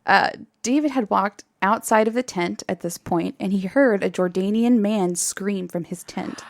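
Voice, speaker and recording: A woman podcast host retelling a story in casual chat, animated and laughing often. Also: mid-range voice, moderate pace, gravelly, no echo, clean studio sound.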